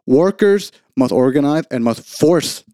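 A man's voice: a little high, expressive, a little slow, warm tone, no room sound, clean studio sound. A man speaking as a guest on a casual podcast panel, in an assertive, argumentative way.

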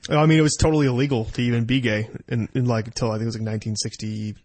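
A man's voice: medium pitch, fairly even intonation, rapid-fire, darkish tone, slightly rough, no echo. A man in casual podcast chat, rambling and laughing often as he tells stories.

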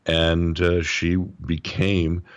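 A man's voice: deep voice, flat delivery, very slow, no room sound. A sick man who sounds as if he is inside a tin can, explaining at length as an interview guest with many restarts. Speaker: political guest.

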